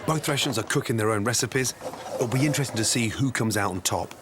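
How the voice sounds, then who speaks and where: A man's voice: mid-range voice, fast, noisy background. A British man reading scripted TV cookery narration in a clipped, emphatic way. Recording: voice-over with music behind.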